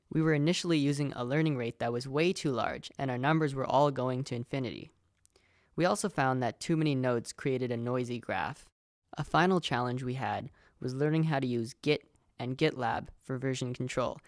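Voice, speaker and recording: A man's voice: medium pitch, no room sound. Young man narrating a coding tutorial, dry. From Canada. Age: young adult. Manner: steady, explanatory. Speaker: student presenter.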